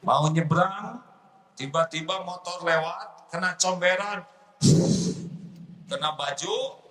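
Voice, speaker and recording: A man's voice: high voice, takes it slowly, pushed and bright. A man preaching a humorous sermon to an audience, acting out little scenes and sighing astagfirullah often. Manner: playful, acts out little scenes, frequent sighs of astagfirullah. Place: large hall before an audience. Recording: echoey hall with faint noise.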